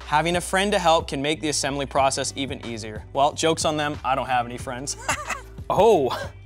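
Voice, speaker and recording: A man's voice: mid-range voice, normal speed, soft background music. A young man hosting a tech unboxing, chatting casually and joking as he works through the box. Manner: upbeat, joking, thinks aloud while handling the product.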